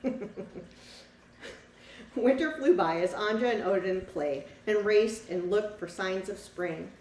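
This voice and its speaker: In a measured, slightly mellow mid-range voice, a woman teacher reads a picture book expressively to young listeners. She drops in simple, casual explanations for the class as she goes. Faint background noise and a roomy echo come through the far-off microphone.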